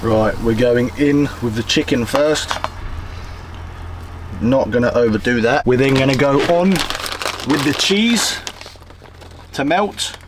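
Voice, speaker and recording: A man's voice: medium pitch, slow pace, pauses often, background noise. A young man, chatting casually as a vlogger while cooking in his camper van. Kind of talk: casual vlog chat.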